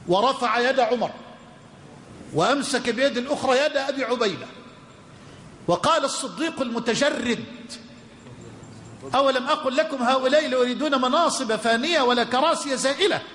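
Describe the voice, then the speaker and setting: Egyptian male preacher, very high voice, impassioned and repetitive, dropping into casual asides; echoey hall. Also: fairly bright tone, slight background noise. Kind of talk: sermon storytelling. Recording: echoey hall with long reverb.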